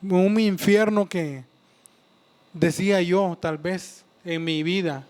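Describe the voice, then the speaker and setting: A man giving an earnest, halting personal faith testimony, often restarting and repeating himself. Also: sits high, fairly even intonation, darkish tone, clean tone. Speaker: church member giving testimony.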